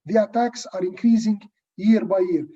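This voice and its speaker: A man, an Arabic speaker, speaking on a panel in a halting way, often repeating words and restarting. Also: high-pitched, dark tone. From Egypt. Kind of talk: panel discussion. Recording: distant, muffled video-call audio.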